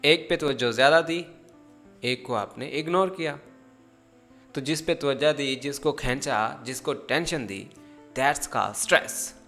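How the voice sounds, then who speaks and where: A man teaching an English pronunciation lesson, speaking deliberately and stretching out example words so learners can repeat them. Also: medium pitch, a bit bright, soft background music. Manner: switches into careful, drawn-out English for examples. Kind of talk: spoken language lesson.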